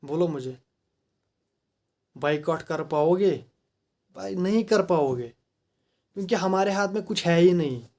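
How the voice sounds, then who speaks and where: A man's voice: fairly high pitch, a little slow, long pauses, a little mellow. A man with a Kashmiri accent giving a heated, rhetorical opinion monologue, mixing English phrases into his talk. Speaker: commentator.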